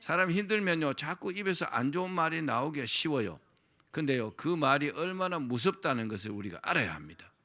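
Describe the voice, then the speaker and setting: Animated, bright-voiced male pastor preaching. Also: on the high side, fairly quick. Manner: animated preaching, asks the congregation to repeat after him. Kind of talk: sermon.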